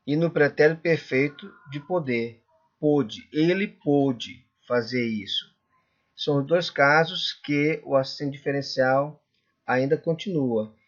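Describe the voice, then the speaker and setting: Male teacher in a dull lo-fi recording. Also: fairly high pitch. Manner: checks in constantly with "correto?" and "tudo bem?". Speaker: Portuguese teacher. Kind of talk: classroom lecture.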